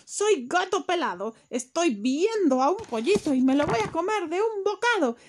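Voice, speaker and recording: A woman voicing a greedy, bullying tomcat in a children's story, drawn-out and loud. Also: very high-pitched, very animated, voice pushed up. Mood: menacing. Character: menacing male cat, greedy bully.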